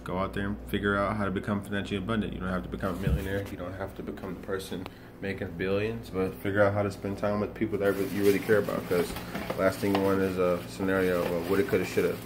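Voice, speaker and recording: An earnest young man in his twenties speaks fast, with few pauses, in a casual motivational vlog. His low voice stays fairly flat as he rambles, restarting and circling back to repeat phrases, over a clear layer of background noise.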